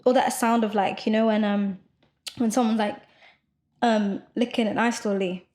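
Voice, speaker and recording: A woman co-hosting a podcast, chatting casually and quick to protest in an exasperated way. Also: medium pitch, fairly even intonation, a little mellow. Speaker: podcast co-host. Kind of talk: casual chat.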